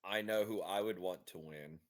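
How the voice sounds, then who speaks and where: A man's voice: low-pitched, moderate pace. A man co-hosting a podcast, sharing opinions in a rambling, casual way. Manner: rambling, many fillers and restarts. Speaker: podcast co-host. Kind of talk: casual chat.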